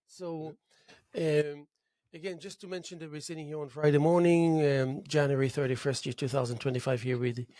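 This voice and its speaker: A man hosting a local talk show, warm in his words but halting, with many restarts. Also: fairly high pitch, steady tone, dry recording, clean studio sound. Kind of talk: interview.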